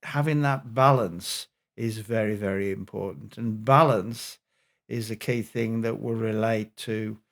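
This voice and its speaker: Middle-aged guy with some fry in his voice, chatty podcast guest telling a true story. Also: fairly low pitch, unhurried. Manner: animated anecdotal storyteller. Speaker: guest health expert.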